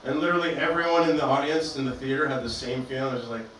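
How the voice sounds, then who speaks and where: A man from Albania doing a stand-up comedy set in a club with a deadpan, self-deprecating delivery. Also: medium pitch, racing, very echoey, far from the mic, a little hiss or hum, poor audio. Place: comedy club stage, performing to a live audience.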